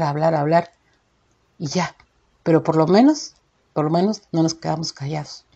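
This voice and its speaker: A woman show host with a Mexican accent delivers an indignant, emphatic opinion monologue to listeners, informal and packed with rhetorical questions. Her voice sits low, mellow and slightly rough.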